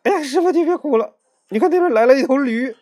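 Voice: high voice, lively intonation, fast, dark tone, faint music behind. A performer voicing a jittery, easily frightened young male disciple in a comedy skit, with a stammering, whiny way of talking. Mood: fretful.

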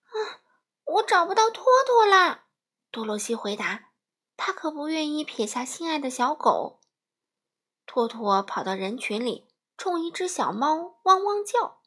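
A woman reads a children's storybook aloud in a gentle, storytelling manner. Her voice is husky and sits somewhat high. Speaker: mother reading stories to children.

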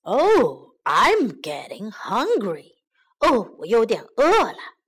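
A woman's voice: on the high side, huge pitch swings, slow, a bit bright, slightly rough, exaggerated voice. A woman voicing a hungry, greedy eagle that gloats and laughs in a children's storybook. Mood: gloating. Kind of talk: bilingual children's storybook reading.

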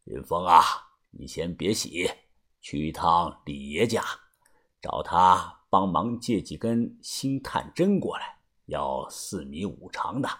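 An older male boss in a storybook, as the narrator puts him on. He gives orders slowly in a deep, quiet voice. He is calm and used to being obeyed. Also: exaggerated voice. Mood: commanding. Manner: low, slow, giving orders. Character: older male gang boss, low and commanding.

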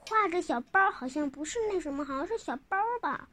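A child telling a picture-book story informally, halting, repeating words and asking the listener questions. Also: high-pitched, expressive, pushed and bright.

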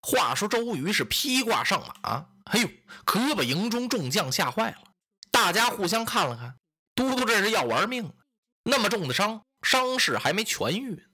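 A man narrating a traditional storytelling tale in a lively, exclamatory manner, with a husky voice. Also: high voice, normal speed.

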